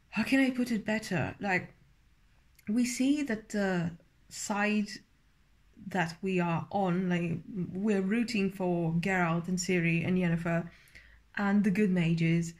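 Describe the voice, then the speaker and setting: A tipsy woman giving a casual, rambling review, often searching for words and swearing now and then. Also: medium pitch. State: tipsy from drinking. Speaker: video reviewer.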